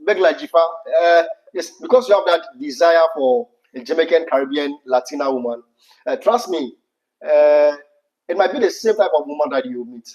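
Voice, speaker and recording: Male host, Ghanaian accent, lighter high-set voice, informal advice, halting delivery, somewhat muffled recording. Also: expressive, a little mellow. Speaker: host answering viewer questions. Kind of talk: casual advice chat.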